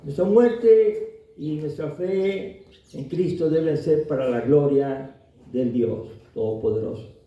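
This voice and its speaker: A man's voice: a little high, takes it slowly. A man preaching a sermon as pastor, emphatic, acting out quotes from everyday speech and scripture. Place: church hall. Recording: very echoey hall, distant mic, dull sound.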